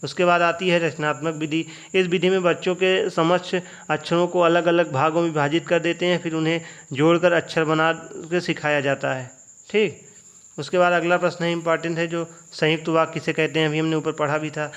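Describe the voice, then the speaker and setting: A man's voice: a little high, little pitch movement, fairly quick, fairly bright tone. Man teaching an exam revision class. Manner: repeats questions and answers them himself; asks students rhetorical check questions.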